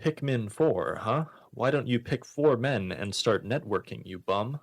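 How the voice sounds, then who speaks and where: On a radio comedy show, a man reads jokes and bantering casually, offering dry, mock-serious remarks. His mid-range voice is expressive and a little slow, recorded in a studio with no room sound.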